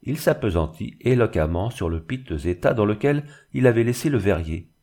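A man giving a measured, steady scripted narration of a classic novel. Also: lowish voice. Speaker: audiobook narrator.

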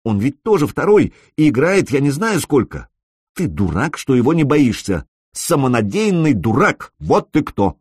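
An audiobook heroine, young and fiery, torn between fear and anger for the man she loves. Her voice rises high, swings widely and stays husky, a man putting her on. It is dry and close to the mic. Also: big pitch swings, measured pace, dry recording, full character voice. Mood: scolding. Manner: pleading, then scolding in a raised voice. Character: young woman, anxious, loving, fiery. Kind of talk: audiobook character voice.

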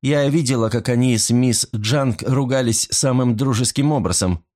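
A man's voice: medium pitch, darkish tone, voice pushed up, natural voice. Man doing a cold, scheming young woman. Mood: icy, calculating. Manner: cold and deliberate.

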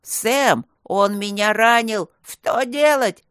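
A woman's voice: mid-range voice, slow pace, fairly bright tone, no room sound, clean studio sound. Woman doing a lisping dim-witted bandit. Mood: dim panicky. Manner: dull, panicky. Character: dim-witted lisping male bandit, missing front teeth.

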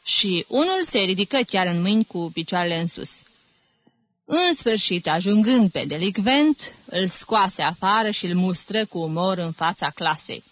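A woman reading a literary novel aloud as an audiobook, in a lively, expressive storytelling manner. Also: on the low side, no echo. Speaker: audiobook reader.

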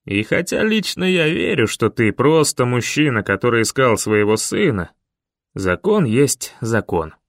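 A man voicing a calm, stern older leader who speaks in a measured, grave way. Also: medium pitch, dry recording, clean studio sound.

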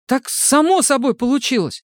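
A man's voice: very high voice, lively intonation, no echo, clean studio sound, pitched above the performer's own voice. A man voicing a frightened young male army recruit who squeals and pleads breathlessly. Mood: frightened pleading. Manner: squealing, breathless, talking fast in panic.

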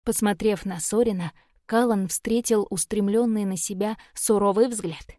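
A woman narrating a fantasy audiobook in an even, measured reading voice on a close mic. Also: medium pitch, no room sound. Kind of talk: scripted narration.

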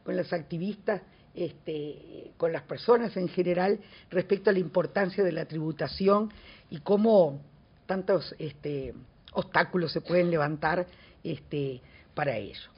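A woman's voice: on the low side, unhurried, husky, muffled recording. A woman speaking reflectively at a conference as an academic, often checking in with short questioning tags. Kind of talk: conference talk.

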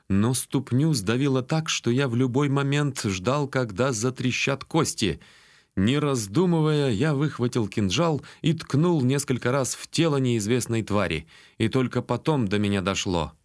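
A man reading a first-person adventure audiobook in a steady, even storytelling manner. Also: mid-range voice, dry recording, studio quality. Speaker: audiobook narrator. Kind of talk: first-person fiction narration.

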